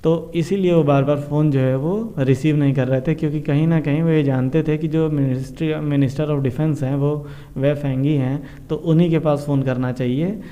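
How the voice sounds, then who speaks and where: An Indian man hosts an informal current affairs explainer show, addressing viewers in a repetitive, explanatory way and mixing in English terms. His voice is on the high side, warm and steady at a moderate pace. The lo-fi sound is dull and muffled.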